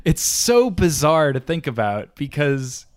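A sarcastic, animated man picks apart a movie in a relaxed chat. He is recorded dry and close, with no room sound. He often acts out lines in silly voices. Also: on the high side, unhurried, dry recording. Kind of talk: casual podcast chat about a movie.

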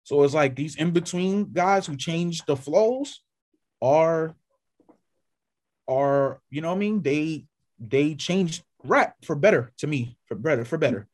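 A man's voice: on the high side, lively intonation, unhurried, a little mellow. A man co-hosting a podcast in casual chat, rambling with many restarts and perking up when he lists names. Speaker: podcast co-host.

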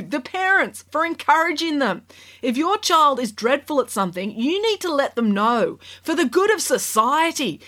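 A woman's voice: sits high, fairly bright tone, pitched above the performer's own voice, exaggerated voice. Woman doing a scornful TV talent judge. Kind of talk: storybook character reading.

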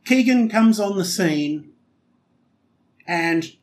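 A man co-hosting a podcast who is opinionated and emphatic in casual chat, often telling stories with quick asides. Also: high-pitched, expressive. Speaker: podcast co-host.

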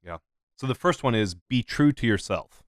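A man hosting a casual podcast who speaks haltingly with many fillers. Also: mid-range voice, animated, no echo, studio quality. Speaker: podcast host.

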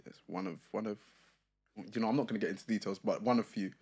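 A man's voice: on the low side, fast talker, gravelly, darkish tone, echoey room. A man bantering casually, often repeating his phrases.

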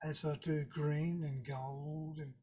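A man's voice: fairly high pitch, little pitch movement, takes it slowly, dark tone, husky. A middle-aged or older man with a Tasmanian Australian accent, chatting casually as an interview guest in a laid-back, slangy, wry way. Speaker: guest, surf photographer.

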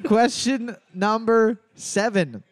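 There's no echo on this high-pitched male trivia host. Energetic throughout the live event, he reads each question, slowly spells the answer choices letter by letter, and fills the gaps between rounds with jokes.

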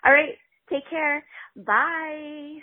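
A woman's voice: high voice, fairly even intonation, drawn-out words. A woman from Canada leaving an eager, chatty voicemail, heard over a landline phone. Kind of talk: casual phoned-in message. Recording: tinny, muffled phone line.

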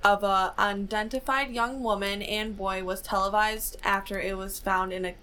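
A woman's voice: medium pitch, steady tone, normal speed, bright, forceful tone. A young woman co-hosting a podcast, reading out case notes in a conversational, giggly way with "um"s. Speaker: podcast co-host presenting a case.

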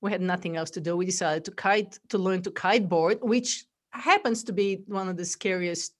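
A woman's voice: fairly low pitch, moderate pace. A middle-aged woman from Bulgaria with a mixed Bulgarian accent, chatting as a podcast guest and telling her story with frequent fillers. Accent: Bulgarian, mixed with Australian and American. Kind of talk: casual interview chat.

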